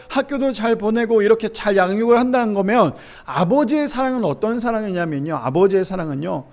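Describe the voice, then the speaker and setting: A fairly high-voiced man in his thirties delivers a Sunday sermon as pastor. He tells a family story in an engaging, conversational way, asks the listeners questions, and softens his voice when he quotes his children. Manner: warm storytelling with rhetorical questions to the congregation.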